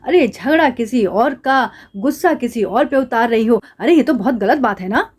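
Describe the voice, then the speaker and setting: A woman's voice: fairly high pitch, expressive, normal speed, husky. A woman voicing a quarrelsome middle-aged husband who grumbles and brushes his wife off, in a doll drama. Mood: fed up. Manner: grumbling, dismissive. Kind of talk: doll drama role-play.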